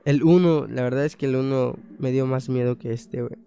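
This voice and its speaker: A young man, commentating his own horror game playthrough in a casual way, swearing, thinking aloud and breaking into loud startled outbursts. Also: medium pitch, steady tone, brisk, creaky, clean tone. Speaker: gaming channel host.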